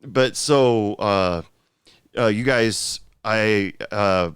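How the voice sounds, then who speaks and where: A man's voice: fairly low pitch, very slow, clean tone, no room sound, studio quality. A man hosting a casual podcast chat, talking hesitantly with many fillers and laughing often. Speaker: podcast host.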